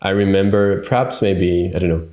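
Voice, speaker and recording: A man in his thirties with an Israeli accent teaches a conference tutorial from a room at home, using a webcam on a video call. His low, darkish voice keeps a fairly even intonation at a moderate pace as he thinks aloud, full of fillers and self-corrections. The room has a roomy echo.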